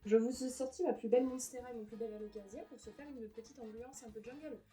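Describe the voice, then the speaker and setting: A woman's voice: on the high side, fairly even intonation, fast, warm tone, faint music behind. A young woman vlogging casually at home, chatty and self-mocking, who swears when frustrated. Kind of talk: casual vlog chat. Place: apartment room, indoors.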